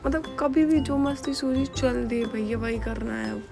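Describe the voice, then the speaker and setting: A woman's voice: a little high, moderate pace, gravelly, over music. A young woman narrating a casual home vlog, telling a story in a chatty, giggly way. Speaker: vlogger.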